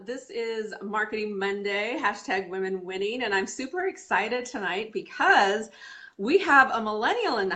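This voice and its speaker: A woman's voice: medium pitch, bright, forceful tone. A middle-aged woman hosting a casual live stream, chatty, with many fillers and restarts. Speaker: host.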